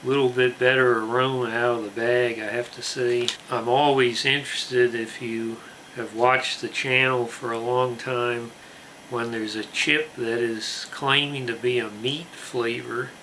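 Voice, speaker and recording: A man hosting a casual food review to camera, speaking in a deliberate, emphatic way with drawn-out words. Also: mid-range voice, level tone, bright, forceful tone, slight background noise, rough recording. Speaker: snack review channel host.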